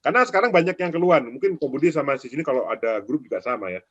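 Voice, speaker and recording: A man hosting a casual chat about trading, animated, often acting out other traders' quoted words in raised voices. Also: a little high, rapid-fire, breathy edge, no echo, muffled recording. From Indonesia. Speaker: trading show host.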